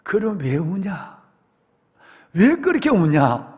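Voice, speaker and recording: A man voicing God as a stern, fatherly divine figure in a sermon retelling, speaking plainly and low. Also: expressive, a little slow, gravelly, husky, full character voice. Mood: gentle. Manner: low, plain-spoken, scolding then gentle. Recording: long church hall reverb.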